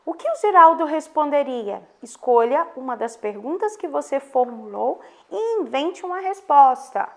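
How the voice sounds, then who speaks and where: A woman with a Brazilian accent, a primary school teacher giving a recorded lesson to young children, speaking slowly and stressing her intonation clearly. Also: high voice, very animated. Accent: Brazilian Portuguese.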